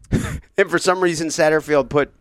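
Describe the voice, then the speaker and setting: A man's voice: on the high side, fairly even intonation, a little slow, dry recording. Male sports radio host, casual and teasing, dry close studio mic. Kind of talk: sports talk radio hosting.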